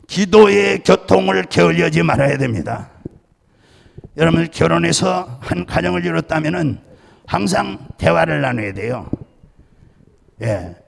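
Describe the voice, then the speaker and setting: A man's voice: on the high side, creaky, slight background noise. A male senior pastor from the Chungcheong region preaching a Sunday sermon, emphatic and repetitive, with touches of humor for the congregation. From Chungcheong, Korea. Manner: emphatic preaching with repeated calls to believe; jokes with the congregation. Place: church sanctuary. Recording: long church-hall reverb.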